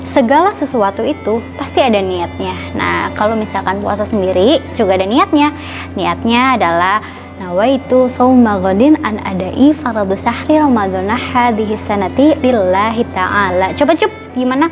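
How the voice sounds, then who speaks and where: A woman's voice: medium pitch, lively intonation, moderate pace, over music. A woman telling an educational children's puppet story as the teacher, explaining things simply with repeated questions.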